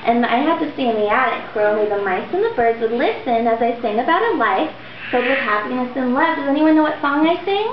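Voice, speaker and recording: Sweet young princess woman performer, bright and sing-song, coaxing small children through a fairy tale; high voice, muffled sound. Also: lively intonation, quick pace. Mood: sweet, inviting. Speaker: children's party princess entertainer. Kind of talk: interactive storytelling for small children. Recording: dull roomy camera audio, clear background noise. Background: small children at a party.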